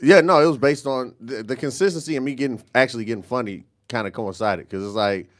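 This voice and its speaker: A man's voice: mid-range voice, fast. A man in his thirties, a stand-up comedian chatting casually on a talk show, telling stories in a laid-back way with frequent restarts. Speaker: comedian guest. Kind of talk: casual chat.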